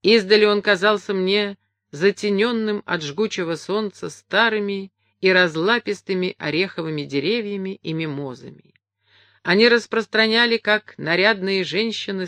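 A woman reading a memoir aloud as an audiobook narrator, measured and expressive. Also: medium pitch, dry recording. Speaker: audiobook reader.

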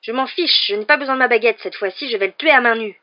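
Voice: medium pitch, a little fast, lightly acted. A reader voicing a blunt, hot-tempered schoolboy who talks in an agitated way, in a dull lo-fi recording. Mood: angry. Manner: agitated, outspoken. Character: hot-tempered boy pupil, loyal and blunt.

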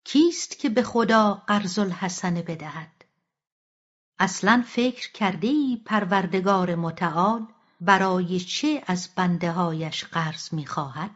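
A woman voicing a calm but firm wandering male dervish in an audiobook, speaking in a steady, unhurried way. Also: on the low side, lightly acted. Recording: slightly dull lo-fi audio.

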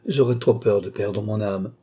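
A man's voice: fairly low pitch, moderate pace, dark tone, husky. A man voicing a desperate, bitter young woman held captive, pleading and accusing in a raised voice. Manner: bitter, pleading, rising into outbursts.

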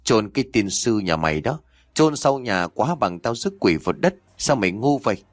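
A man's voice: on the low side, big pitch swings, moderate pace, dry recording, studio quality. A man voicing a hot-tempered middle-aged gang boss who curses and scolds his underling. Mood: scornful. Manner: cursing, scolding, bossy.

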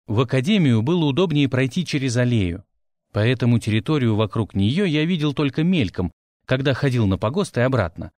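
A man reading a fantasy audiobook aloud in the first person, with a wry, animated storytelling manner. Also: mid-range voice, fairly quick, no echo, studio quality. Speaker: audiobook narrator. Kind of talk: expressive audiobook narration.

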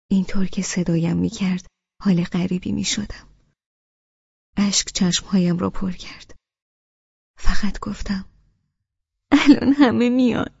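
Soft, husky woman narrating an audiobook. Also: mid-range voice, no echo. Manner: soft, hushed, breathy reading. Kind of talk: scripted first-person narration. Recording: dull, dry studio audiobook.

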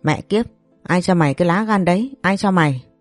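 A woman's voice: fairly low pitch, fairly quick, no room sound, soft background music, close to an everyday voice. A woman voicing a fierce, protective young mother in a storybook, cursing in rage. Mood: furious. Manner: fierce and cursing, then cold.

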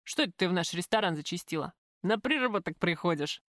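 A woman's voice: on the low side, animated, fast, a bit bright, no echo. A woman voicing a drunk, brutish male thug who jeers and threatens, in a dry audiobook reading. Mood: menacing. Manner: rough, jeering.

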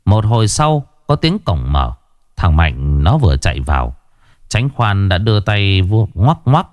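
A man's voice: on the low side, sing-song, measured pace, dry recording, studio quality. A man narrating a ghost story with a dramatic, suspenseful delivery.

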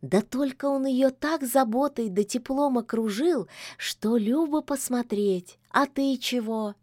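A woman's voice: a little high, a little slow, darkish tone, dry recording, clean studio sound, voice pushed up. A woman voicing a wise, sly male talking cat who gives advice in a knowing, folksy, chiding way in a fairy-tale audiobook. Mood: advising.

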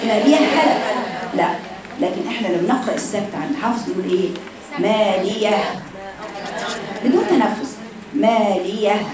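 A woman with an Egyptian accent teaching Quran recitation to a class of students, quizzing them with rhetorical questions and modelling slow recitations. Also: mid-range voice. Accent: Egyptian Arabic. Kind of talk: classroom lesson. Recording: very echoey room from far off. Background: students present.

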